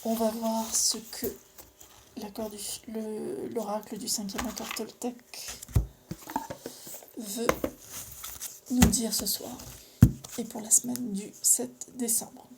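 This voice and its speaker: Brief: woman card reader, higher voice, slow and gentle, hushed asides. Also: flat delivery, gravelly, very noisy. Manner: slow, gentle, drawn-out phrasing with pauses. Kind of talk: casual oracle card reading.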